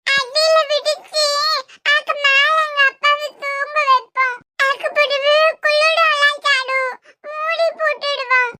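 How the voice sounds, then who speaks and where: A woman's voice: very high voice, fairly even intonation, unhurried, sharp tone, full character voice. A woman voicing an innocent, clingy little girl in a cartoon with a Kanyakumari Tamil accent, talking in a childish, pleading way. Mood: eager. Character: small girl, innocent, clingy, easily tearful.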